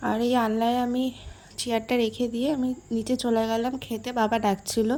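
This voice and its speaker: A young woman, narrating her daily vlog in a soft, quiet, slow voice-over. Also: on the high side, little pitch movement. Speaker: vlogger.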